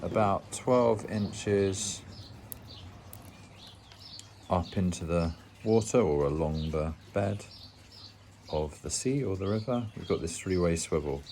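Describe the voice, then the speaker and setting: A man's voice: sits low, takes it slowly, pauses often, a little mellow, slight background noise. A man hosting an angling channel, talking through a step-by-step rig-tying tutorial in a plain explanatory way with dry, self-mocking humor.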